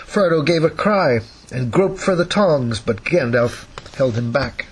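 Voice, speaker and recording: Man reading a novel aloud, husky. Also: on the high side, a little slow, low-quality recording. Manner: relaxed, with chatty asides and self-corrections. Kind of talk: casual read-aloud narration.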